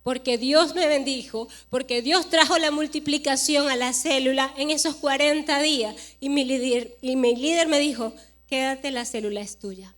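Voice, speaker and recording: A woman pastor in her forties preaching a sermon, telling a personal story with animated delivery and acted-out dialogue. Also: sits high, normal speed, hardly any pauses. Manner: animated storytelling, acting out dialogue with emphatic rises.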